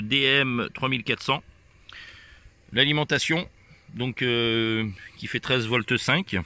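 Filming on a hilltop field, a man talks casually over amateur radio and demonstrates his gear, hesitantly explaining each step. He has a medium-pitched, bright, forceful voice, with a little hiss or hum on the recording.

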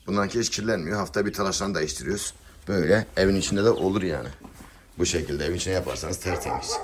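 A man vlogging around his animals, talking casually to viewers and calling out to his animals in a coaxing voice. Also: a little hiss or hum. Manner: calls out to the animals in a high coaxing voice. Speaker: farm vlogger.

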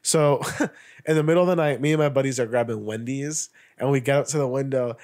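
A young man co-hosting a podcast, an animated storyteller who swears freely. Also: medium pitch, a little fast. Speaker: podcast co-host. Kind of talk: casual chat.

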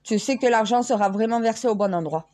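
A woman's voice: fairly high pitch, fast, mellow. Chatty French woman, rambling and laughing. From France. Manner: rambling, with frequent laughs and restarts. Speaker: self-styled spiritual vlogger. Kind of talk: casual monologue to viewers.

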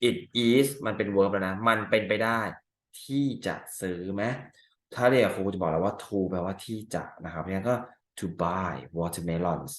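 A male teacher walking through exam answers step by step, asking rhetorical questions and reading example sentences slowly. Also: sits low, roomy sound. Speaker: English teacher. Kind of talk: exam answer walkthrough lesson.

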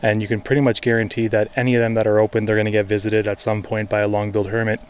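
A wildlife photographer in his thirties vlogs enthusiastically and informally to a camera held at arm's length, explaining things in a low, very fast voice with little pitch movement. He's outdoors in the jungle, an orchard and by a river, with faint ambient noise around him.

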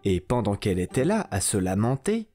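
A man's voice: lowish voice, big pitch swings, mellow, faint music behind. A man narrating a fairy tale in a scripted storytelling style. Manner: slow, melodic storytelling.

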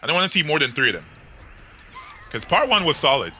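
Animated, bright-voiced young man streaming. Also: fairly high pitch, fast talker, slightly rough. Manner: animated, joking, laughs often, slangy. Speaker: game livestreamer. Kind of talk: casual livestream chat with viewers.

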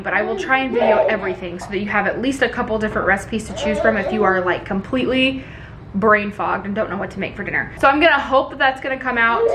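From across her home kitchen, a tripod camera records a Texas lifestyle vlogger in her twenties chatting casually, upbeat and talking with her hands. Her voice is a little high, and the background is noisy.

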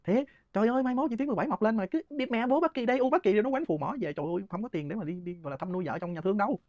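A man's voice: sits high, lively intonation, darkish tone, dry recording, muffled recording. A man, hosting and answering listener questions in a heated, scornful monologue punctuated by laughs. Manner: rapid, scornful ranting with frequent laughs.

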